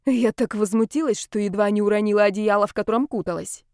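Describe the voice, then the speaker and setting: A woman reads a first-person novel aloud with expressive, dramatic delivery. Her voice sits at a middle pitch, and the recording is dry and close with no room around it. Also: quick pace, smooth, no room sound. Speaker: audiobook narrator. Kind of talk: first-person audiobook narration.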